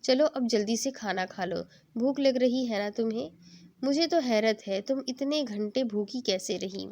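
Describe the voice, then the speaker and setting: A possessive, tender jinn lover, a young man who turns harsh when he feels helpless, read by a woman in her own fairly high voice. The lines come softly and intimately, from a storybook reading. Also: no room sound, lightly acted.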